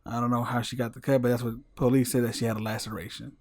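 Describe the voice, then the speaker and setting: Male podcast co-host, mid pitch, laid-back, dry close mic. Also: flat delivery, fast, no echo. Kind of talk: casual chat.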